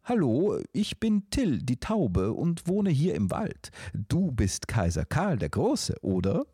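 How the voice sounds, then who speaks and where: A man's voice: mid-range voice, huge pitch swings, slow pace, slightly rough, dry recording, studio quality, pitched above the performer's own voice, heavily acted. A man voicing a cheerful, cheeky male dove in a storybook reading, with a chirpy manner. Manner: bright chirpy, bossy when annoyed.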